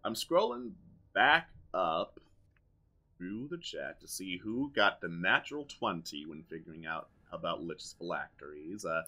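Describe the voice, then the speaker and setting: A man's voice: low voice, very animated, unhurried, pushed and bright. A man acting as game master, improvising narration for a tabletop fantasy game.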